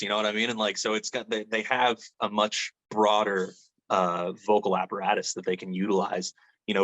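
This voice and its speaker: A young adult metal vocalist talks casually in an interview with a low, slightly bright voice. He sounds laid-back and rambles, using lots of fillers and swearing.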